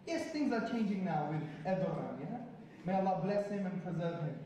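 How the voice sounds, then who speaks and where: A man's voice: high-pitched, lively intonation, moderate pace, warm tone. A man giving an impassioned public lecture with emphatic, repetitive oratory. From Britain. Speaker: Islamic speaker addressing an audience. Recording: very echoey hall, mic far off, faint noise.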